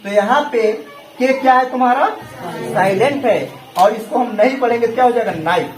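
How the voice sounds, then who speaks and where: Music plays in the background as a man with a very high-pitched voice leads a repetitive question-and-answer drill with his English class. His pace is normal, and the room echoes with faint noise.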